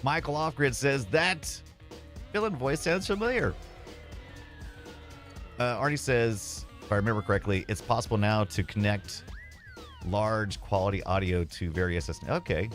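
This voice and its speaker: A man's voice: fairly low pitch, normal speed, pauses often, a bit bright. A man giving casual live commentary as he streams a game and chats with viewers. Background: game music.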